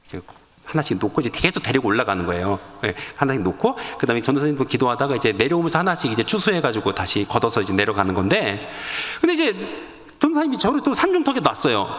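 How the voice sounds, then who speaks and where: A man preaching a sermon, telling a personal story in an animated way and acting out the voices in it. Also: medium pitch, in a large hall. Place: church sanctuary.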